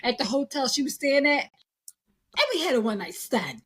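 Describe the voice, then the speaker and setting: A flustered Italian mother, defensive as she owns up to an old secret, as a woman puts her on with a loose Italian accent. The voice is husky and sits a little high. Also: sing-song, moderate pace, fairly bright tone, heavily acted.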